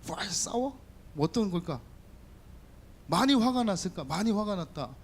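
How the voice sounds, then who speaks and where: High-voiced male youth pastor, chatty, questioning sermon style. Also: normal speed, vocal fry. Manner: lively, talks directly to students with questions and jokes. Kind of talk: sermon to teenagers. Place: church hall.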